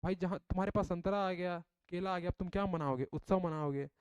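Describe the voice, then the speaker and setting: Man, teacher, high pitch, smooth clear voice, repetitive call-and-response drilling. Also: fast talker, dry recording. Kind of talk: classroom lesson with memory tricks.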